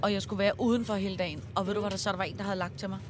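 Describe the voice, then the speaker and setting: A woman co-hosting a podcast, chatting casually and telling stories with warm exclamations, recorded on a train. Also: mid-range voice, fairly even intonation, noisy background. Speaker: podcast co-host. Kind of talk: casual chat.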